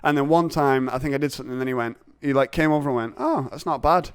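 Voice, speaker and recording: A man's voice: mid-range voice, steady tone, very fast, clean tone, dry recording. A man hosting a podcast, chatting in a rambling, jokey, confessional way. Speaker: podcast host. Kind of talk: casual chat.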